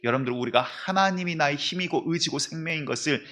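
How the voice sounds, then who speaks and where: A man's voice: fairly high pitch, fast, sharp tone. A man, a senior pastor, preaching a sermon and acting out the voices of biblical figures as he tells the stories. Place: church sanctuary.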